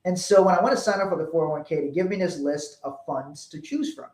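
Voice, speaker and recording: Speaking quickly in a high-ish voice with a darkish tone, this Liberian man from West Africa hosts a financial webinar. He's conversational and explanatory, acting out dialogue to make his points, and the room echoes noticeably.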